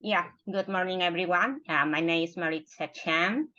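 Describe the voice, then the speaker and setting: A woman's voice: lowish voice, moderate pace, sharp tone, dull audio. A woman from Peru introducing herself briefly and plainly on a panel. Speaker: panelist, library assistant.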